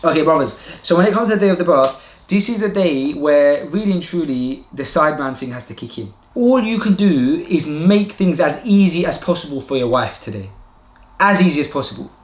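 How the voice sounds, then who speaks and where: A man's voice: a little high, lively intonation, fairly quick. A young man giving earnest, casual advice straight to camera, repeating his points for emphasis. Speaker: vlogger giving advice to new fathers. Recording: echoey room.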